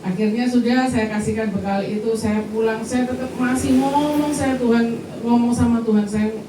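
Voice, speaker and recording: A woman's voice: on the high side, fairly even intonation, moderate pace, noisy background. A middle-aged woman, telling the congregation her personal testimony in a church hall. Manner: personal storytelling, addresses congregation directly. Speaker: church member giving testimony. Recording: echoey church hall from far off.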